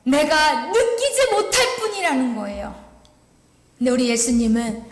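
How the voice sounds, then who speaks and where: A woman's voice: sits high, expressive, unhurried. A woman evangelist preaching an emotional, pleading sermon in a church. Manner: emotional, pleading, earnest, with rising and falling intensity. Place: church sanctuary. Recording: echoey church hall with long reverb.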